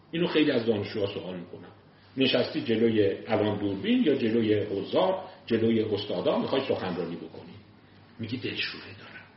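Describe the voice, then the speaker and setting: A man's voice: medium pitch, a little hiss or hum. A man giving a lecture on psychology, who acts out everyday examples as he talks. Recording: roomy, distant, dull sound.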